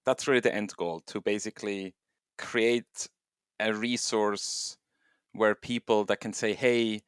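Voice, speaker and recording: A middle-aged man with a lowish voice speaks as a guest. He talks in a loose, thoughtful way, full of ums and restarts. The recording is close and dry. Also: steady tone, a little slow, a bit bright, smooth, no room sound. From Switzerland. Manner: thoughtful, loose phrasing with many fillers. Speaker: guest, software engineer and home miner. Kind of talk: casual interview talk.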